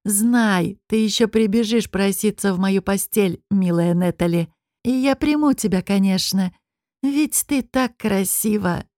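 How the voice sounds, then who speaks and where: A smug male demon aristocrat, as a woman narrator puts him on, taunting in a slow mocking drawl. His voice sits dark and mellow, recorded dry and close with no room around it. An audiobook villain who relishes every sneer. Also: medium pitch, no echo, lightly acted. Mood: gloating. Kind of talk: audiobook character reading.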